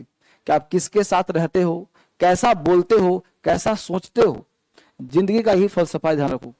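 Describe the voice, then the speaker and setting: A male teacher with a high-pitched voice lectures a classroom, quizzing the children as he explains. The sound is close and dry, with no room echo. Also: a little mellow. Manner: addresses students as children, asks the class questions. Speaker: English teacher. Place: classroom with students, also streamed online.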